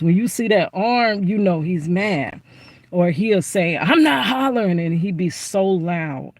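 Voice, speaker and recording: A woman's voice: fairly low pitch, a little mellow, dry recording. A woman chatting animatedly to camera from inside her car, telling a story with lots of asides. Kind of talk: casual storytime.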